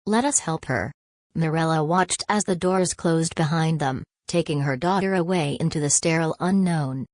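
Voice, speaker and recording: A woman giving scripted narration of a family drama in a dramatic, measured way. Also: deep voice, fairly even intonation, darkish tone, dry recording.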